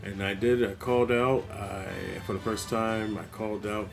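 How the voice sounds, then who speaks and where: A man's voice: on the low side, fairly even intonation, normal speed, music in the background. A man vlogging about his gaming memories in a laid-back, conversational storytelling way. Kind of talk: storytelling monologue.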